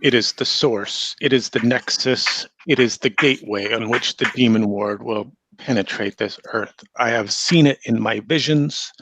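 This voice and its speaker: Man playing a slow, menacing, fanatical villain hag. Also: mid-range voice, a bit bright, slightly rough, no room sound, rough recording. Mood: grave, ominous. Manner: slow, theatrical, ominous menace. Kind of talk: villain monologue in a tabletop game.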